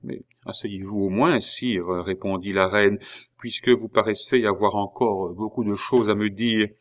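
A man voicing a proud, bitter queen in an audiobook reading, snapping sharp, indignant retorts. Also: fairly low pitch, steady tone, measured pace, close to an everyday voice. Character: Queen Marie-Antoinette, proud, bitter, quick to anger.

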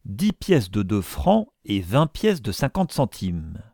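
A man voicing an irritable, excitable professor who speaks brusquely and insists. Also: lowish voice, takes it slowly, no room sound, studio quality, full character voice. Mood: insistent.

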